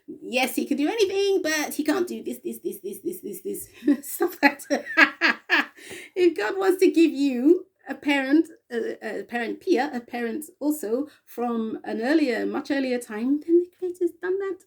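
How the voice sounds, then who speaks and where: An English woman speaking in a slow, meandering spiritual monologue, often spelling out letters and pausing with little laughs. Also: sits high, animated, vocal fry. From England.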